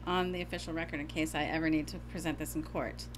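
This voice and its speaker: Middle-aged woman, lowish voice, casual podcast co-host, self-mocking asides. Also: fairly even intonation, slight background noise, rough recording. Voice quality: hard of hearing. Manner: self-deprecating, chatty, quick asides. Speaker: co-host, mother.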